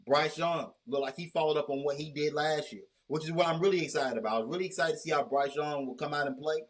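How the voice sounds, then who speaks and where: A man with a somewhat high voice hosts a casual sports talk. He rambles in long runs, restarts his sentences often, and keeps a measured, cautious tone. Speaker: host.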